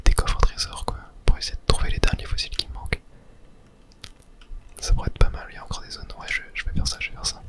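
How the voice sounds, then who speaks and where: Whispering softly the whole time and close to the mic, a man gives casual ASMR-style commentary while playing a video game. He murmurs gently to his viewers as he plays.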